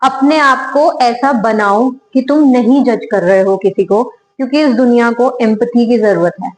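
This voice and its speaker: A woman's voice: fairly high pitch, a little mellow, echoey room, rough recording. A young woman, teaching an exam-oriented psychology lecture in a conversational way, mixing Hindi and English and speaking straight to her students.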